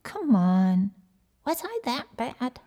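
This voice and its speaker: A woman's voice: on the high side, very animated, takes it slowly, warm tone, in a large hall. A woman voicing a small, eager girl who wants to act, chirpy and rambling.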